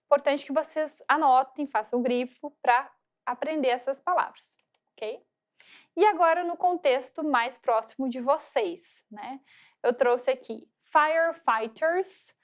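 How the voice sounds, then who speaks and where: Woman teaching English online, high voice, keeps checking in with "ok?". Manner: slow drawn-out repeated pronunciation drills; frequent check-ins with "tá?" and "ok?". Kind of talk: recorded online lecture.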